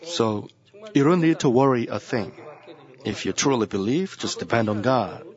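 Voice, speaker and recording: A man's voice: medium pitch, animated, moderate pace, dull audio. A man preaching a sermon as senior pastor, earnest and repeating his key phrases.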